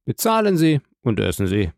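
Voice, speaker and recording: A man voicing a cool, indifferent bandit jailer in an audiobook, calm and mockingly polite. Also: mid-range voice, moderate pace, gravelly, no echo, clean studio sound. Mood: deadpan. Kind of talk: audiobook character voice.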